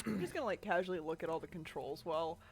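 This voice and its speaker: A woman streaming a game with a friend, her voice low and sick, chatting casually with lots of giggles and fillers. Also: rapid-fire, soft background music. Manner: giggly, rambling with many fillers. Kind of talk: casual gaming chat.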